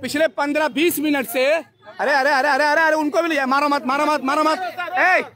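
Outside a court campus, a man reports live from the busy street, urgently confronting passersby. His very high-pitched voice is bright and forceful, holding a steady tone at a slightly fast clip, while crowd and traffic noise crowd the outdoor recording.

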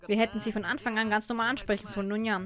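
A woman's voice: mid-range voice, flat delivery, very fast, a bit bright. A woman reading a game's dialogue aloud herself, voicing all parts with small slips. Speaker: let's play reader.

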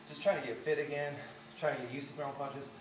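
A middle-aged man talking casually to camera, relaxed and self-deprecating, a little winded after exercise. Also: on the high side, fast talker, noisy background. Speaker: fitness vlogger. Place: home garage gym. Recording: echoey garage, far from camera.

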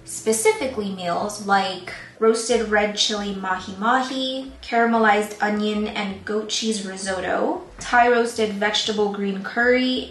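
A young woman vlogging casually from her plant room, chatty and rambling with self-deprecating asides. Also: medium pitch. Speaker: plant YouTuber. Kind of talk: casual vlog talk to camera. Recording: roomy echo, faint ambient noise.

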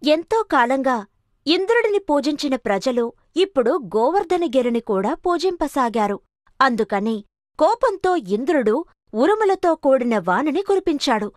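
Woman storyteller, children's cartoon, high voice, dry close recording. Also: moderate pace, no room sound. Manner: expressive, dramatic storytelling. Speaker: narrator. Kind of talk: scripted storytelling narration.

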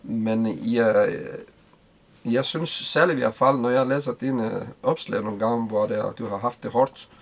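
A middle-aged man from Denmark interviewing casually in a small boat cabin, halting and repeating words. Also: mid-range voice, vocal fry.

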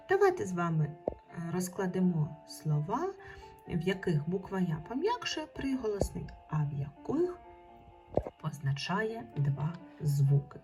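A woman teacher speaks in a fairly low voice, pronouncing each sound of a word one at a time at an unhurried pace. Her pitch jumps up and down as she stresses words for young pupils. Some of her explaining drops to a soft half-whisper. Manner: slowly sounds out single letters and sounds. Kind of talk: primary school language lesson.

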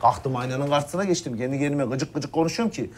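A man's voice: mid-range voice, a little hiss or hum, lightly acted. An actor playing a short-tempered, crude man who is a therapy client, in a comedy sketch. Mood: irritable. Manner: blunt, crude and quick to snap.

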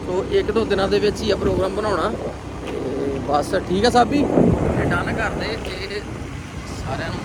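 Chatty higher-pitched man vlogging outdoors. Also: heavy background noise. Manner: informal, chatty, addresses viewers and companion. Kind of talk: casual village vlog chat.

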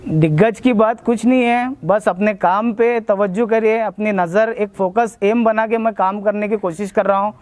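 Earnest high-voiced man appealing for votes. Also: fairly even intonation, moderate pace, hardly any pauses, a little mellow. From India. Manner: earnest, repetitive appeals in formal Urdu-laced speech. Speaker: ward election candidate. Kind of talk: campaign interview and vote appeal.

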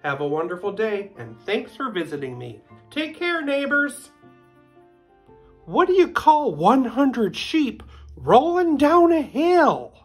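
A man in his thirties hosting a casual home cooking video in his kitchen, with animated, gushing exclamations. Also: very high voice, slow, soft background music. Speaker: cooking channel host. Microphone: camera at close range.

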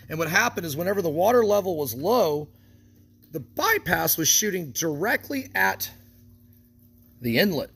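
A man's voice: a little high, a bit bright, slightly rough. A man from an equipment shop explaining step by step how to build a trailer rig, talking practically while he handles the parts. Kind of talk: hands-on how-to walkthrough.

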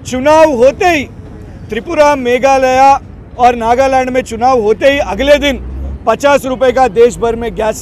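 Brief: high-pitched male activist in his thirties, fiery and emphatic, outdoor street protest with faint crowd and traffic. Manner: fiery, emphatic political speaking with hand gestures. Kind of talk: speech to a news mic at a street protest. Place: busy city road outdoors with a crowd and traffic. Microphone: handheld news channel mic held close.

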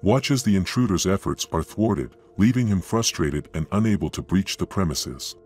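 Male narrator, deep voice, grave nature-documentary storytelling with suspense, faint music underneath. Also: lively intonation, normal speed, a little mellow, breathy edge. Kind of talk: dramatic scripted narration of security footage.

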